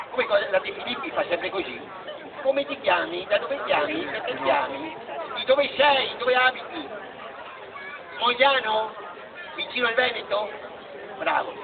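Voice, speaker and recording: A man performs an excitable, bossy and fretful puppet speaking straight to children. The voice is high and emphatic in a live comic puppet show. It is recorded from a distance amid a loud outdoor crowd. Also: a little slow, creaky, pauses often, phone-quality sound, noisy background, exaggerated voice. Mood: bossy quizzing. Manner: questioning children directly, emphatic.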